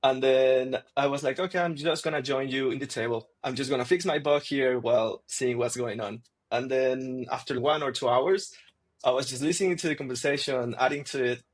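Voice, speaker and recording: A man's voice: mid-range voice, fairly quick. A young man, a student guest, telling stories loosely with lots of fillers. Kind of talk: casual interview.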